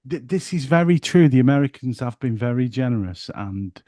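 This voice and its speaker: A man hosting a podcast and chatting in a relaxed way with his guest. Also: mid-range voice, brisk, no echo, studio quality. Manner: relaxed, chatty, uses northern dialect words. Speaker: podcast host. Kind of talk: casual interview chat.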